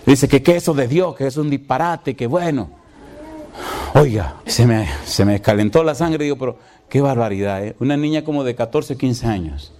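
A man's voice: mid-range voice, expressive, normal speed, mellow, a little hiss or hum. A middle-aged man, a pastor delivering an emphatic sermon. He asks the congregation rhetorical questions and acts out the dialogue of his story.

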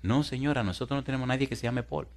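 A man voicing a firm, matter-of-fact fire captain who flatly denies something, acted within a sermon. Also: mid-range voice, quick pace, lightly acted. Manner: firm, flat denial.

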